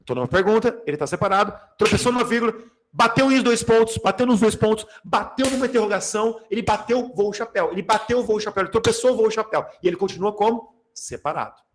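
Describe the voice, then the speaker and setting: Male teacher from Brazil, high-pitched, animated and joking with his class in a prep lecture. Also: fast talker. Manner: animated, jokey, addresses class directly. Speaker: Portuguese teacher. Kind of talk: lively exam-prep class.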